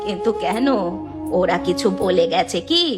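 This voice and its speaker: A soothing old village granny, voiced by a woman in a cartoon, speaking in a low, gentle, motherly way. Music plays under her lines. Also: expressive, moderate pace, close to an everyday voice. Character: kindly old village woman, the grandmother figure. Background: background music.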